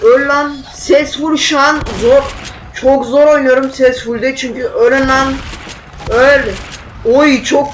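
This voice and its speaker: A man's voice: extremely high pitch, fairly even intonation, slow pace, fairly bright tone, a little hiss or hum, low-quality recording. A man hosting a gaming channel, giving loose gameplay commentary full of yelps, sudden exclamations and slangy swearing.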